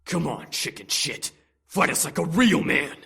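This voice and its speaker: An angry young fighter in a game, defiant and challenging. The voice is very raspy and swings widely in pitch. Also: male voice, sing-song, measured pace, pushed and bright, full character voice. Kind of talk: video game voice acting.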